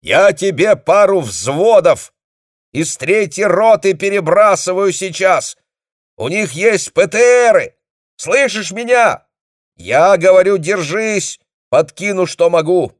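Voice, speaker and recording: A man voicing a battle-worn male battalion captain who shouts orders urgently. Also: mid-range voice, expressive, takes it slowly, slightly rough, no echo, studio quality, pitched above the performer's own voice, heavily acted. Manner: shouting, commanding.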